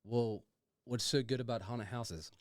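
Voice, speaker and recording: A man's voice: mid-range voice, a little slow, no echo, clean studio sound. A man co-hosting a casual podcast, talking effusively and informally, often repeating himself. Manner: effusive, repetitive, informal with swearing. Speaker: podcast co-host.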